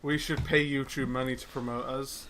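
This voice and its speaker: A man with a bright, sharp-edged voice co-hosting a casual podcast. He delivers his jokes flat and dry, with faint hiss behind him. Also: medium pitch, moderate pace. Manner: dry, deadpan joking. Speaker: podcast co-host.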